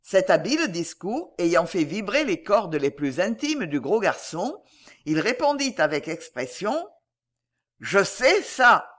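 A woman narrating a classic novel as an audiobook in a measured, expressive way. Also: fairly low pitch.

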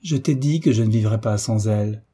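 A man's voice: on the low side, a little fast, dark tone, breathy edge. A man voicing an anguished young nobleman in love in a read-aloud novel, speaking in impassioned despair.

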